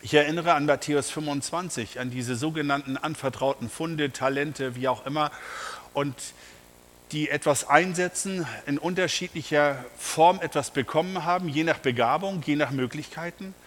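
A man's voice: fairly high pitch, normal speed, fairly bright tone, long reverb tail. A man preaching a sermon, emphatic and speaking straight to his congregation with rhetorical questions. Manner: addresses the congregation directly.

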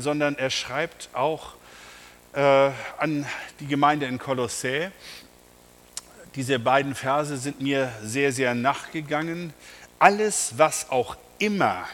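A man's voice: mid-range voice, fairly even intonation, slow, fairly bright tone, long reverb tail. A man preaching a sermon, emphatic and speaking straight to his congregation with rhetorical questions. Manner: addresses the congregation directly.

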